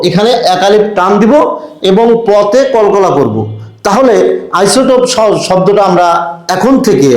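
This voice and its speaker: A man's voice: high-pitched, a little mellow, reverberant, poor audio. A man with a Bangladeshi Bengali accent teaching a chemistry lesson, talking straight to his students and stretching out key syllables to drill the terms. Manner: direct, encouraging address to students. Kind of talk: classroom lecture.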